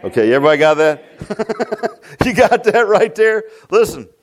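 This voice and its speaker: A very animated pastor with a deep voice preaches at a moderate pace to his congregation in the church sanctuary. He repeats himself, restarts, and calls out to the crowd.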